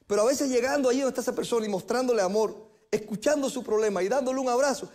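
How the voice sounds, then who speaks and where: High-voiced male pastor preaching earnestly. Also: racing, a little mellow. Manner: earnest preaching, repeats phrases for emphasis. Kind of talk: sermon. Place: church sanctuary.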